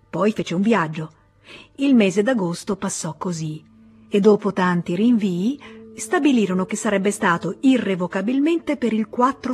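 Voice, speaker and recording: A woman narrates a classic novel in a measured, expressive way, with a husky, breathy voice at an ordinary pitch. Soft music plays faintly underneath the reading. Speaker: audiobook narrator. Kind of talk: literary audiobook narration.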